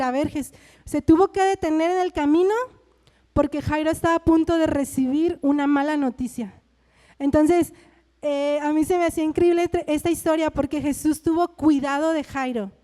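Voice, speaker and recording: A woman's voice: sits high, warm tone, long reverb tail. A woman with a Mexican Spanish accent preaching a sermon in a conversational way, often asking her listeners "¿verdad?".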